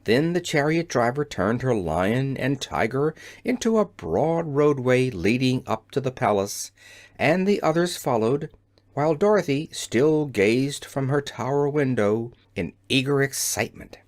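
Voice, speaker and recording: A narrator giving a measured, expressive storybook reading. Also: mid-range voice. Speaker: audiobook narrator.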